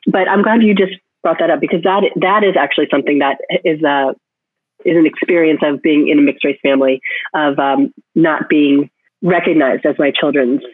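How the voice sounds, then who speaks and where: Her voice low and steady, a woman photographer reflects on interview questions at a normal speed, restarting sentences as she thinks out loud. The audio comes through a tinny phone line, dry, with no room sound.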